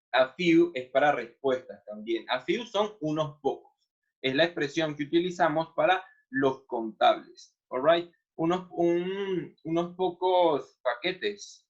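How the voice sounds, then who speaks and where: Husky man teaching English lessons. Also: on the high side. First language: Spanish. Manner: explains in Spanish, reads English examples slowly. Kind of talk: recorded online lesson. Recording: dull lo-fi sound.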